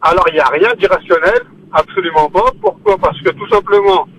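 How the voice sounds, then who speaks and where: A high-pitched man from France calls in to a radio show. He lays out his view earnestly, one point at a time. A faint hiss sits under his voice. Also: big pitch swings, fairly quick, vocal fry, a bit bright, lo-fi sound. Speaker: caller. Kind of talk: radio call-in.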